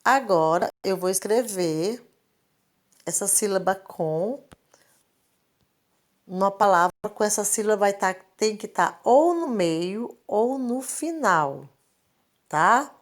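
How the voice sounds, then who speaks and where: Woman teacher, unhurried screen-recorded lesson, repeats each point patiently, mid-pitched voice. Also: lively intonation. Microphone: screen recording, device mic.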